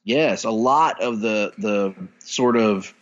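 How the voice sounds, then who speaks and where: A man co-hosting a casual podcast about movies, animated and quick to laugh and quote films. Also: on the low side, dull audio. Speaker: podcast co-host.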